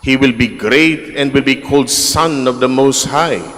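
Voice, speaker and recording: A man, a priest reading the gospel at Mass in a slow, measured way, his voice carried by a cathedral echo. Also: medium pitch, fairly bright tone. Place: large church. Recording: long church reverb from the PA.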